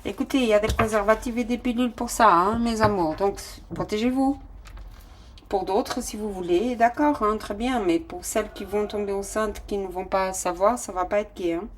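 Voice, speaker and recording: A woman's voice: mid-range voice, moderate pace, a little hiss or hum. A woman giving a casual tarot reading, affectionate and full of fillers as she talks to her listeners. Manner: affectionate, calls listeners "my loves", many fillers. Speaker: tarot reader.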